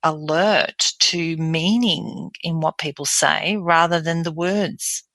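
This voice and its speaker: A woman's voice: low voice, slow, a bit bright, dry recording. A woman talking as a voice coach guest in a podcast interview, earnest and explanatory, often demonstrating example voices.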